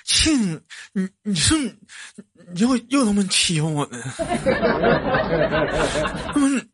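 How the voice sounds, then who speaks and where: Man impersonating a whining, stuttering countryman, Northeastern accent, pitched up high. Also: big pitch swings, very slow, over a noisy crowd, very noisy, full character voice. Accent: Northeastern Mandarin. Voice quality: stuttering, whiny. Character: whiny stammering middle-aged village man.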